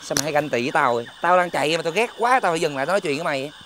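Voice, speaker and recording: An actor playing a vain, impatient adult man, a handsome singer, who talks quickly and dismissively in banter with his friend. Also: on the high side, expressive, sharp tone, a little hiss or hum. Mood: annoyed. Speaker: actor in a music-video comedy drama. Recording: music score under dialogue.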